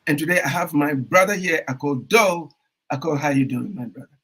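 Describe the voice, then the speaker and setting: A man hosts an online talk radio show with a slightly raised pitch and a husky, rough edge to his voice. He talks emphatically, repeating phrases and rising into loud bursts of enthusiasm as he welcomes listeners. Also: a little fast. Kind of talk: energetic radio show intro and interview. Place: Toronto.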